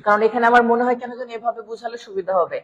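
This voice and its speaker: A woman's voice: a little high, rapid-fire, highs cut off. Bangladeshi woman teaching grammar live. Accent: Bangladeshi Bengali. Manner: explanatory, checks in with "right?", addresses viewers as "sir". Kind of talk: live online class. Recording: long reverb.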